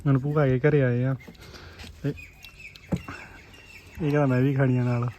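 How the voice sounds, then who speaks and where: A man's voice: medium pitch, flat delivery, measured pace, dark tone, dull audio. A man with a Malwa Punjabi accent making casual vlog banter. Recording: noisy car and outdoor recording.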